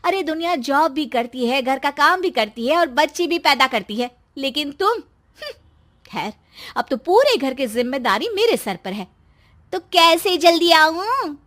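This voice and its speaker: A woman voicing a bossy, sharp-tongued young wife who scolds loudly and mocks her husband. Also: high-pitched, very animated, measured pace, voice pushed up, full character voice. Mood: scolding. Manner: loud, scolding, sarcastic. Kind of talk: storybook voice acting.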